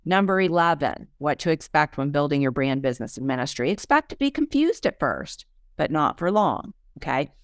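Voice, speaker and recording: A woman's voice: deep voice, big pitch swings, moderate pace, no room sound, studio quality. A woman hosting a faith-based business podcast, teaching in an emphatic, preachy way and reading testimonials aloud. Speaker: podcast host and business coach. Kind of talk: motivational teaching talk.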